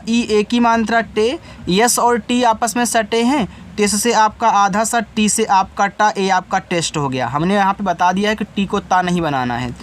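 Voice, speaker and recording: A man's voice: high-pitched, a bit bright. Patient man spelling words for students. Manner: patient, spells words letter by letter then explains; addresses students directly, corrects own slips. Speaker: English teacher. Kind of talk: online spelling lesson.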